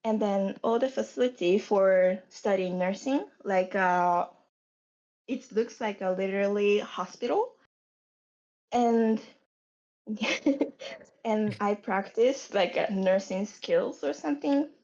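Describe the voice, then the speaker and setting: Speaking slowly in a mid-range, slightly mellow voice, a young woman from Japan appears as a podcast guest. She has a Japanese accent and gropes for words during the casual chat, captured in dull lo-fi sound.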